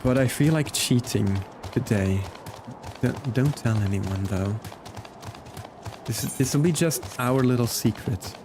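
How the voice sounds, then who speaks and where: Music plays behind this Belgian game streamer as he talks with his live audience in an unhurried, mid-range voice. English isn't his first language; he picked it up from video games. He's chatty and calls out viewers by name.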